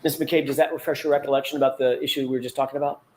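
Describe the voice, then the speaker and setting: A man's voice: mid-range voice, flat delivery, rapid-fire, darkish tone, slight background noise, low-quality recording. Man cross-examining in a courtroom. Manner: pointed, methodical leading questions. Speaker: defense attorney cross-examining a witness.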